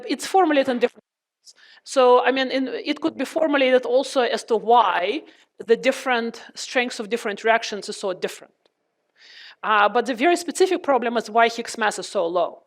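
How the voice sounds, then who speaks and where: Woman lecturer talking thru a face mask, kinda high muffled voice, asks the class questions. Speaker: physics lecturer. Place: lecture room.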